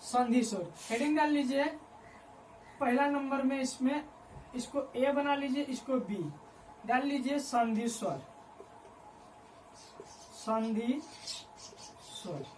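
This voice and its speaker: A woman's voice: sits high, slow, long pauses, a little mellow, slight background noise. A woman teacher giving a dictation lesson, repeating each phrase so students can write it down, then asking the class questions and answering them herself. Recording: voice picked up from a distance.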